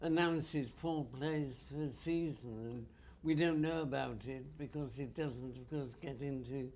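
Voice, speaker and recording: A male audience panelist shares theatre memories during a public panel chat, a dry, wry storyteller who plays down the humor. His voice is mid-range and a little mellow, delivered at a measured pace.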